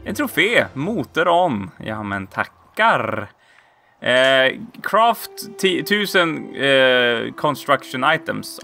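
A man giving casual, playful commentary while playing a video game, often laughing and squealing out high exclamations. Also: creaky, pushed and bright. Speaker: let's play gamer.

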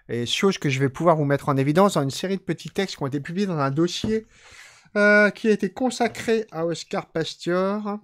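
A man hosting a live poetry reading, reciting texts slowly and deliberately and chatting casually with listeners between poems. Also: a little high, dry recording. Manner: slow measured recitation, then chatty offhand remarks. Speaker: poetry reader and stream host.

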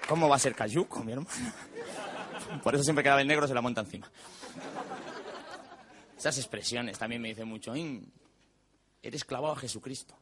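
A man performing a stand-up monologue on stage, delivering quick deadpan punchlines and mimicking his relatives. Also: medium pitch, crowd noise. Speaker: stand-up comedian. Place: stage before a live audience. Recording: stage recording with audience laughter and noise.

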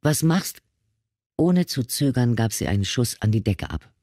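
A man narrates an audiobook in a steady, measured reading of scripted text. His voice is mid-range, and the recording is studio quality with no room sound.

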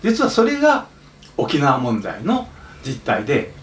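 A man, a film director, speaking to an audience at a talk event, animated and storytelling, now and then slipping into playful dialect impressions. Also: mid-range voice, unhurried. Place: theater or event hall. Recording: roomy hall, distant mic, faint noise.

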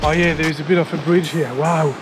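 A thirty-something French travel vlogger, sweaty and slightly breathless on a jungle climb, films himself outdoors with an action camera held at arm's length. Speaking fairly high and a little fast over music, he's chatty and excitable, swears, and calls his audience "guys."

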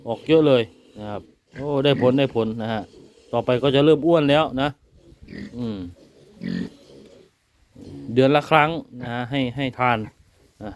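A man talking casually to viewers in a farm vlog. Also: medium pitch. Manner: chatty, addresses viewers often. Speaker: vlogger raising pigs.

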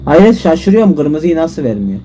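A man giving frustrated gameplay commentary, swearing and shouting at the game. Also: on the high side, sing-song, a little slow, slight background noise. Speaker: gaming YouTuber. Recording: music loud behind voice.

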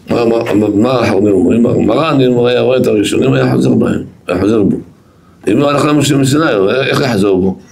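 A man with an Israeli accent teaching a Torah lesson to a yeshiva class, emphatic and repetitive, growing loud and excited as he tells stories. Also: on the low side, creaky.

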